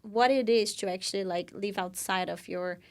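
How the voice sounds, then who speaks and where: A young woman from Brazil, speaking at a medium pitch and normal speed with a Brazilian Portuguese accent, co-hosts a podcast. She relates her own story casually and earnestly, leaning on "you know" and "like" throughout.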